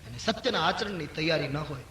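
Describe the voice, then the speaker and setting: An older man preaches in an echoey hall with faint ambience, his voice bright, expressive and brisk, with a little hiss or hum. A spiritual storyteller, he delivers a devotional discourse with chanted verse, rising sharply for emphasis and dropping low for storytelling.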